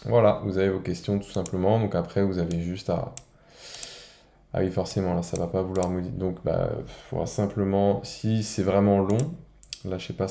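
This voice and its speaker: A man from France, giving a casual improvised software tutorial and thinking aloud step by step. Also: low-pitched, gravelly, echoey room. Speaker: video editing tutorial presenter.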